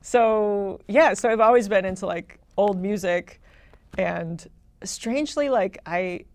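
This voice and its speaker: A woman's voice: medium pitch, takes it slowly, no echo. A young woman chatting casually as a podcast guest, rambling with lots of "like" and laughing often. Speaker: guest, Elvis impersonator. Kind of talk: casual podcast interview chat.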